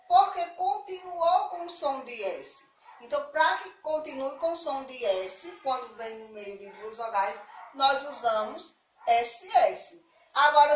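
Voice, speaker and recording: A woman teacher with a Brazilian Portuguese accent, explaining a spelling lesson to young children slowly and patiently, often checking if they follow. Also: high-pitched, a bit bright, distant mic, slight background noise. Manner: slow, patient explaining with frequent "tá certo?" checks. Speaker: primary school teacher. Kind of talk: remote class lesson. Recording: roomy, from off the mic.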